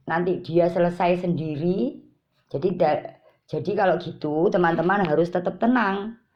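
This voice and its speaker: A woman giving parenting advice in a calm, repetitive way, speaking directly to her viewers. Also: lowish voice. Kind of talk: informal advice talk to parents. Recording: dull lo-fi recording.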